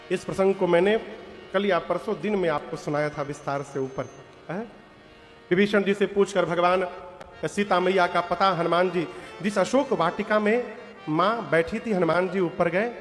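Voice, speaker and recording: A man's voice: high-pitched, a bit bright. A man from Purvanchal with a Purvanchal Hindi accent, a devotional storyteller who tells sacred tales in a folksy way, speaks directly to his audience, and breaks into sung verses. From Purvanchal, India. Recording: long hall reverb with music.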